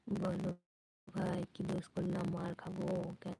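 A woman hosting a live stream from home at night, speaking softly and quietly and coaxing her viewers to comment and chat. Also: on the low side, completely flat delivery, a little slow, gravelly, husky, dry recording, poor audio. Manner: speaks softly and quietly so a sleeping baby stays asleep.

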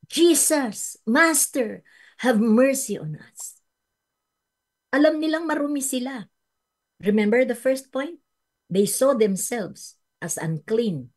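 A woman preaching a sermon on the radio, swinging from soft, slow stretches to loud, high cries and mixing Tagalog with English. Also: husky. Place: radio studio.

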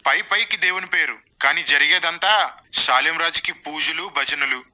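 A man's voice: a little high, moderate pace, sharp tone. A man delivering satirical voice-over commentary in a sarcastic, mocking way.

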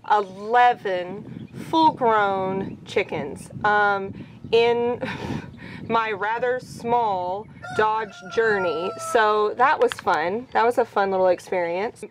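A woman's voice: mid-range voice, slight background noise, low-quality recording. A woman, talking earnestly to camera in a casual farm vlog, recorded outdoors on a porch. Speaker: small farm owner and vlogger.

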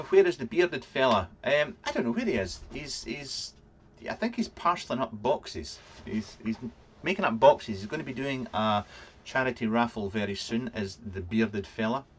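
With lively intonation and a medium-pitched voice, a Fife-accented Scottish man in his thirties runs a laid-back livestream vlog from a small, cluttered room at home. He reads chat comments aloud, rambling and halting, and answers them with dry humour.

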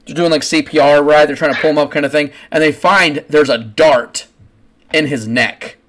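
Rambling game master narrating. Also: male voice, fairly high pitch, steady tone, moderate pace, a bit bright. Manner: rambling, many restarts and fillers. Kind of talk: casual tabletop game narration.

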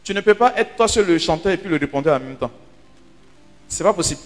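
Animated high-voiced priest preaching. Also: male voice, quick pace. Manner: animated storyteller, dramatic drops to hushed asides. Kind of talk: sermon teaching. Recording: hall reverb with faint music.

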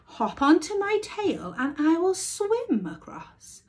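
A woman voicing a cunning male fox in a storybook reading, coaxing and hushed. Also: extremely high pitch, big pitch swings, slow, pitched above the performer's own voice, full character voice.

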